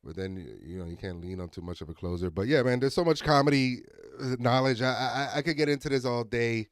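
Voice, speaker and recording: A man who is a comedian guest on a podcast, from Miami, chatting casually in a joking, profane, animated way. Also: medium pitch, fast talker, clean tone, no echo, clean studio sound.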